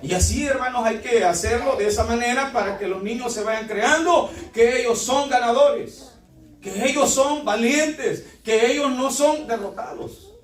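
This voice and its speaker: A man's voice: very high-pitched, unhurried, roomy sound, far from the mic. A man preaching a fervent sermon in a church, often addressing the congregation as brothers.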